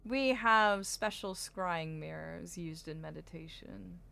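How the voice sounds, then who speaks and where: A woman streaming a horror puzzle game, chatting casually and excitably, affectionate in a theatrical way and easily startled. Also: on the low side, slow, vocal fry, smooth. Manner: theatrically affectionate, addresses people as darling. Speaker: game streamer hosting a livestream. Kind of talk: casual livestream chat while playing a puzzle game.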